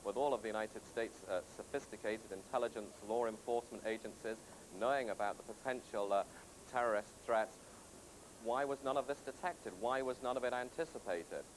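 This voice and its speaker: A man's voice: mid-range voice, fairly quick. British male correspondent, slightly noisy tape. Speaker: news correspondent. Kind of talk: live unscripted news analysis. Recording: slightly noisy VHS broadcast rip.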